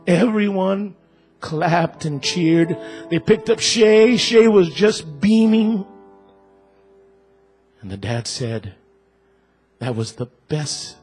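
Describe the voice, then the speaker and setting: Male church storyteller, slightly high voice, unhurried and deliberate, soft instrumental music behind. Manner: slow, deliberate storytelling, building in excitement.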